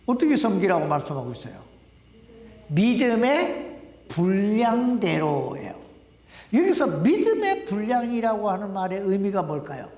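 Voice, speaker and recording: A man preaches in a lively, high-pitched voice that swings widely as he questions his listeners. His delivery is slow and deliberate. The sound carries the long reverb of a church sanctuary, heard from some distance. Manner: conversational preaching, asks the congregation questions. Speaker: pastor. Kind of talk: sermon. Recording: echoey hall, voice from a distance.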